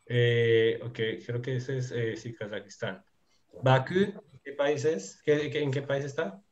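A man teaching Turkish in a live online lesson, explaining patiently and filling pauses with lots of fillers. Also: mid-range voice, darkish tone, muffled recording.

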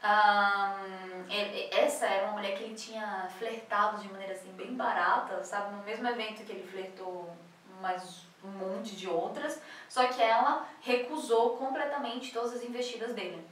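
A Brazilian woman teaching French in a casual online lesson, chatty and quick to laugh, saying the French phrases slowly. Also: mid-range voice, steady tone, fairly bright tone, very echoey, far from the mic, a little hiss or hum, poor audio. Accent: Brazilian Portuguese.

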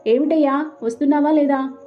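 Brief: impatient shouting boss, put on by a woman narrator, raised pitch, tinny phone-like sound. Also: steady tone, moderate pace, soft background music, lightly acted. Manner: barking and impatient. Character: bossy shouting male office boss.

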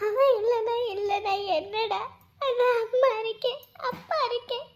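A woman's voice: very high-pitched, steady tone, normal speed. A woman playing a village mother who sobs and wails as she talks. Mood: grieving. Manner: tearful, wailing, sobbing through her words. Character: grieving village mother at her son's hospital bed. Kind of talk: emotional village drama acting.

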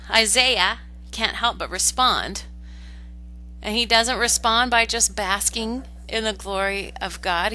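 A woman teaching a Bible study lesson in an earnest, explanatory way, often pausing with "uh" and restarting her sentences. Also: a little high, sharp tone, rough recording.

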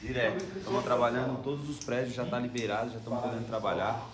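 A man's voice: mid-range voice, fairly even intonation, quick pace. A man working as a carpenter, speaking in a plain, matter-of-fact way. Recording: echoey room with crowd noise.

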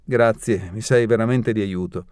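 A man's voice: fairly low pitch, normal speed, a little mellow, clear, resonant tone, no room sound, studio quality, close to an everyday voice. A man voicing a nervous, unsure young woman heroine in an audiobook, with a raised, tense girlish tone. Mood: anxious.

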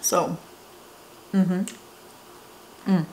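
A woman's voice: fairly low pitch, level tone, drawn-out words, a little mellow, a little hiss or hum. A young woman chatting casually in a home vlog, leaning on fillers like "like" as she talks. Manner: chatty, filler-heavy with many "like"s. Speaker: fitness vlogger. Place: home kitchen, indoors.

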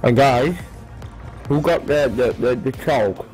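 A man's voice: mid-range voice, slow, a little mellow, faint music behind, poor audio. A man with a Dutch accent in casual gaming voice chat, often stammering and repeating words over a headset.

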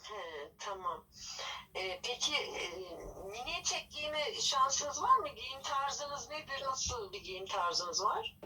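A polite office employer, played by a woman, answers through a landline phone with a high, bright voice. She sounds formal and patient, pausing on fillers. The line comes across distant, with faint noise behind her. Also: very animated, heavily acted.

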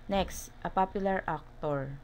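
A woman's voice: on the low side, a little slow, a little mellow, a little hiss or hum. A woman with a Filipino accent teaching a recorded math lesson, instructive, switching between English and Tagalog midsentence and checking in with little tag questions.

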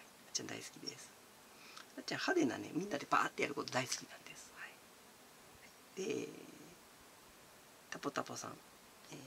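A man's voice: mid-range voice, vocal fry, fairly bright tone, a little hiss or hum. A man, chatting casually as he answers viewer comments, giggly and talkative, calling himself by his nickname. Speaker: channel host.

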